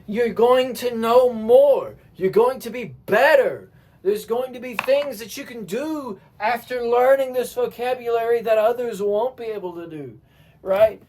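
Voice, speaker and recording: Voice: medium pitch, unhurried. A music teacher giving a casual lesson, explaining at an easy pace and often checking in with "right?" while restarting phrases. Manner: relaxed, keeps checking with "right?".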